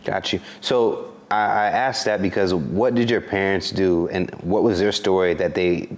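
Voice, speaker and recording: A man hosting a casual interview, asking relaxed, meandering questions. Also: deep voice, normal speed. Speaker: interview host.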